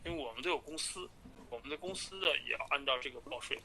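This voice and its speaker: A man on a phone call, explaining and reassuring a client as an agent, halting and repeating his words. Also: on the high side, a crowd in the background. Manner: halting and repetitive, stammering over words. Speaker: immigration and study-abroad agent. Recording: noisy recorded phone call.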